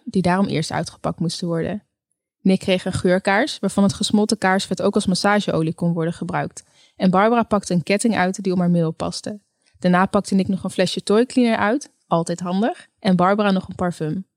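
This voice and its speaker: Calm woman narrating a story. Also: mid-range voice, fairly quick, no echo, clean studio sound. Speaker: audiobook narrator. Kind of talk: scripted narration.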